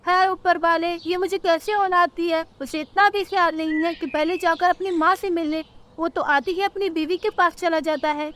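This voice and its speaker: Woman playing a grumpy old mother-in-law bird, cartoon story, very high voice, scolding, nagging. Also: steady tone, normal speed, a little hiss or hum. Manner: scolding, complaining, sharp-tongued.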